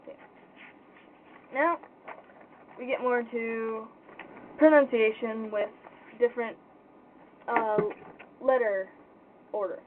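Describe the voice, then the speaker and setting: A woman's voice: fairly high pitch, a little hiss or hum. Young woman tutoring, tinny phone-like sound. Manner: halting, casual and unsure, thinking aloud. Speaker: language tutor. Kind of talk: informal pronunciation lesson.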